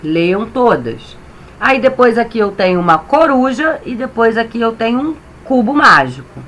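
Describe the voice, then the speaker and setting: A woman teacher with a Brazilian accent, giving a reading lesson to young children and sounding out syllables clearly. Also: on the high side, big pitch swings, normal speed, a bit bright, a little hiss or hum. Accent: Brazilian Portuguese. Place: home, reading from a computer.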